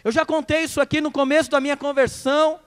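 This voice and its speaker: A man's voice: very high-pitched, little pitch movement, quick pace. A Brazilian man preaching as pastor, telling a personal story and acting out the dialogue, recorded in a church. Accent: Brazilian Portuguese. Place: church hall. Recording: long hall reverb in church.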